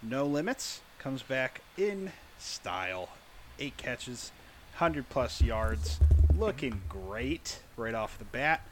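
A man's voice: medium pitch, very animated, slow pace, fairly bright tone, a little hiss or hum. A man hosting a casual sports talk, joking and conversational. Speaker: podcast host.

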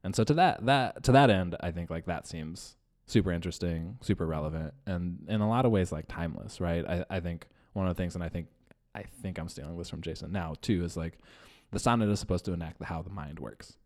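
A man's voice: sits low, fairly quick, darkish tone. A man born in the Philippines co-hosting a podcast, chatting casually and laughing often with many fillers. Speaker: podcast co-host. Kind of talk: casual chat.

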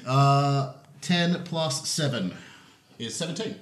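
A man's voice: mid-range voice, lively intonation, roomy sound, a little hiss or hum. A man playing a tabletop game, joking as he takes his turn and counting up his dice aloud. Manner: jokey, unhurried, counts aloud. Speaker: player. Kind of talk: casual tabletop game play.

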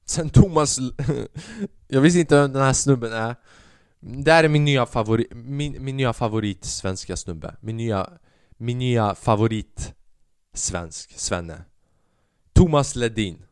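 A young man hosts a casual solo podcast, telling stories full of swearing and animatedly acting out what other people said. His medium-pitched voice is smooth, recorded in clean studio sound with no room echo.

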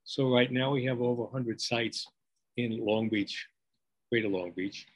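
A man's voice: mid-range voice, measured pace. A man in his sixties with a New York accent, a business owner chatting as a guest, talking loosely with lots of fillers. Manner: rambling with many fillers. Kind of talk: casual interview chat.

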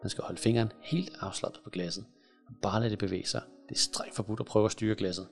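A man's voice: fairly low pitch, fairly even intonation, creaky, soft background music. A man reading as a solemn bossy girl. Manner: solemn, hushed questioning. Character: earnest bossy girl leading a séance. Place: large library hall at a live event.

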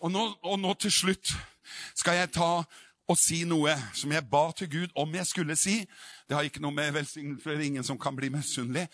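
A man's voice: fairly high pitch, fairly bright tone, no echo, clean studio sound. A man preaching a sermon in a fervent, emphatic way.

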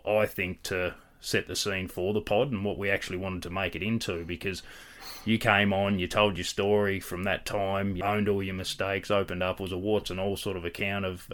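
A man's voice: low-pitched, a bit bright. An Australian man talking casually as a podcast host in an interview chat.

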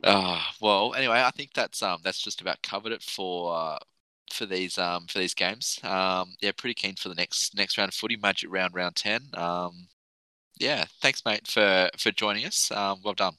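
Very deep-voiced, forceful Australian man. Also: moderate pace, clear, resonant tone, dry recording, rough recording. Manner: blokey, informal. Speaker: podcast host. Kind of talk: casual sports podcast chat.

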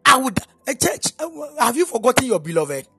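Pastor, dramatic sung-through sermon, husky dry voice, light music underneath. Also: medium pitch, sing-song, brisk, sharp tone, no echo. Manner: dramatic, half-sung preaching with playful asides to the church. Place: church.

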